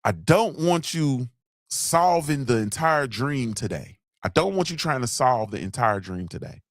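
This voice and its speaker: A man's voice: mid-range voice, expressive, a little slow, no echo, clean studio sound. A man hosting a morning show, giving fired-up motivational talk and repeating lines for emphasis. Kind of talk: motivational live-stream talk.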